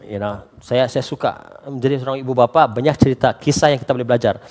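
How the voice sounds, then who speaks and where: A man preaching a lively sermon as a pastor, slipping English phrases into his talk. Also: medium pitch, fast. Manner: acts out quoted voices for humor.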